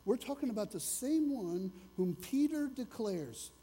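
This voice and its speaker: A man's voice: very high-pitched, lively intonation, a little slow, mellow, husky, long reverb tail. A man preaching a sermon as a pastor, earnest and conversational, asking his listeners questions as he goes.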